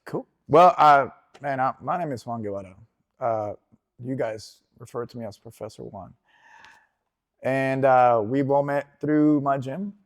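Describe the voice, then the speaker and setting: A man's voice: medium pitch, measured pace. A man in his forties, originally from Venezuela, talks through his childhood in a loose, rambling interview style. He keeps circling back with fillers and restarts, easygoing rather than polished. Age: 40s. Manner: relaxed, rambling storytelling with frequent fillers and restarts. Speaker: jiu-jitsu instructor, guest. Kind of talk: casual interview.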